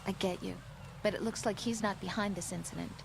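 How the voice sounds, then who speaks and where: A woman's voice: medium pitch, fairly even intonation, a little fast, gravelly, background noise, lightly acted. A woman playing a composed, sympathetic mission contact briefing her partner in a video game. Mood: calm, sympathetic.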